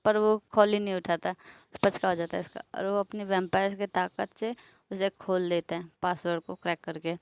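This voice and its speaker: A woman's voice: medium pitch, flat delivery, normal speed, clear, resonant tone. Chatty woman retelling an anime story. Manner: chatty, laughs along and speaks straight to viewers. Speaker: anime recap narrator. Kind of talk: casual spoken story retelling.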